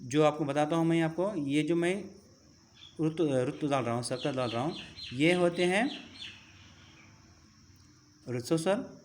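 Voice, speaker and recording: A man's voice: a little high, measured pace, long pauses, slight background noise. A man teaching a Hindi alphabet lesson to schoolchildren, who explains step by step and answers his own questions.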